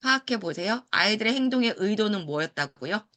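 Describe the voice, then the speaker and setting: Bright, animated woman lecturer. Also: mid-range voice, fairly quick. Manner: acts out quoted teachers and children in lively voices; asks the audience questions and answers them. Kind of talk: lecture to parents.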